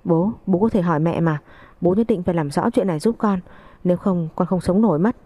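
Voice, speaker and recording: A woman's voice: fairly low pitch, a little fast, dry recording, lo-fi sound, natural voice. A woman reading the part of a hurt, furious young wife who accuses and sobs, in a storybook narration. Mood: accusing. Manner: accusing, tearful.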